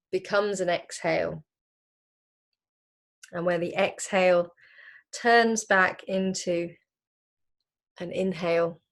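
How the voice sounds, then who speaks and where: Leading a guided relaxation, this yoga teacher speaks at a fairly low pitch. She instructs gently, without hurry, and leaves space between phrases.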